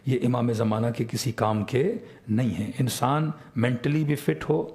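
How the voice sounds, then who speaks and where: A man's voice: mid-range voice, a little mellow. Urdu-accented man lecturing with rhetorical questions. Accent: Pakistani Urdu. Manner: asks rhetorical questions and answers them himself. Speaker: Shia cleric. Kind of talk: religious lecture.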